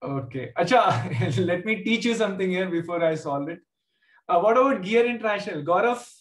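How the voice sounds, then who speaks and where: Soft music plays behind a man with a South Indian accent leading a live online maths lesson from his computer. His voice sits high with lively intonation and a slightly fast pace, and he casually calls on students by name. The room sounds echoey.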